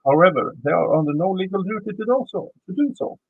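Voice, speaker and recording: A YouTube commentator from Sweden reads through a court filing in Swedish-accented, non-native English, talking fast with lively intonation, tripping over and restarting words, and cursing bluntly on the side. His husky voice sits high. It sounds phone-quality, with no echo.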